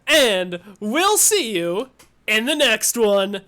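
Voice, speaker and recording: Brief: playful woman let's-play host, fairly high voice, unhurried pace. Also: big pitch swings, pushed and bright, a little hiss or hum. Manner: playful, swears, laughs easily. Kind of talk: casual gameplay commentary.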